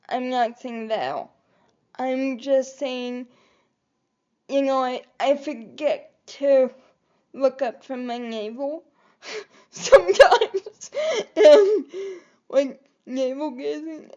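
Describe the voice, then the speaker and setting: A woman's voice: sits high, mellow, dull audio. A woman vlogger talking to her viewers in a rambling, hesitant way, with many fillers and restarts. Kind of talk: reflective personal vlog.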